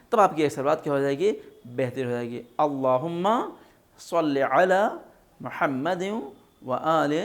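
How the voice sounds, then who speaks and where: A man teaching a religious lesson on Arabic pronunciation, asking questions and repeating sounds for the listener. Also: a little high. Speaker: Quran recitation teacher.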